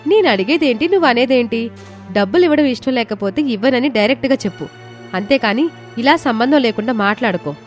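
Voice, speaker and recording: A woman voicing a lively, defiant teenage younger sister in an audio story, sharp-tongued and petulant. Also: on the high side, brisk, faint music behind, lightly acted.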